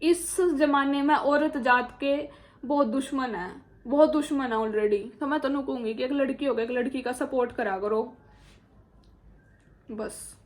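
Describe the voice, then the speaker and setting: A woman's voice: high voice, a little slow. A young woman with a Haryanvi accent telling her personal story and earnestly appealing to viewers in a vlog monologue. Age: young adult. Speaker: vlogger.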